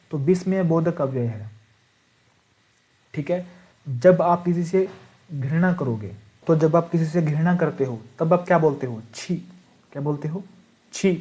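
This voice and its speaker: A male teacher with a slightly high but mellow, warm voice gives an online exam-prep grammar lesson. He writes on a board as he explains. He keeps asking rhetorical questions and checks in with the class after each point. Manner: repeats rhetorical questions and "ठीक है" to check understanding.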